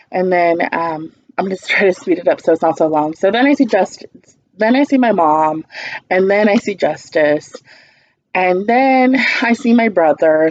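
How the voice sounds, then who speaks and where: A woman's voice: on the low side, darkish tone, lo-fi sound. A woman vlogger telling a storytime in a casual, blunt and sarcastic way, swearing freely.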